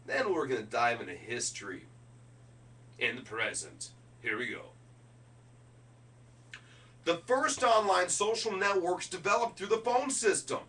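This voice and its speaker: A middle-aged man rehearses a draft of his keynote speech, moving between polished presenter delivery and offhand asides. His mid-range voice sounds pushed and bright, picked up by a distant mic.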